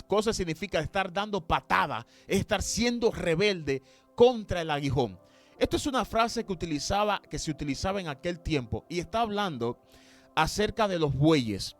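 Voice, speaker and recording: A man from Cuba, preaching an impassioned sermon that swings from loud to hushed, with slow, drawn-out dramatic quotes. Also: high-pitched, no room sound. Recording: faint music behind.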